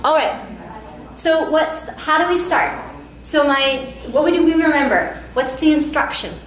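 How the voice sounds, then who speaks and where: A woman's voice: sits high, measured pace, fairly bright tone, slight background noise. Upbeat woman teaching in an echoey room. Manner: counts out strokes, encouraging and upbeat. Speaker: massage instructor. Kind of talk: hands-on teaching demonstration. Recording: echoey room, faint background.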